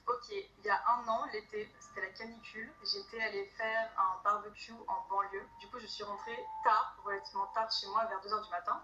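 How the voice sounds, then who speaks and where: A woman telling a true personal story in a rushed, chatty way. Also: medium pitch. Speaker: guest storyteller. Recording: echoey, distant, dull sound.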